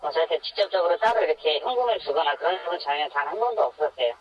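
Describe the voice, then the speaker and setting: A young man speaks through an electronic voice disguise, pitched a little high. The sound is dull and band-limited, as on a telephone. He is an anonymous interviewee recounting his experience. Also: lively intonation, very fast, husky. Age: 20s. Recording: dull, narrow phone line on radio.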